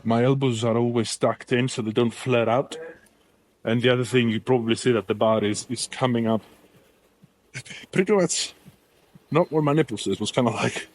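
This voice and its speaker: A man's voice: medium pitch, a little hiss or hum. A young man giving blunt, rambling gym coaching in a casual vlog, sometimes out of breath between sets. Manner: blunt, instructive, rambling with restarts. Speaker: fitness vlogger. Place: indoor gym.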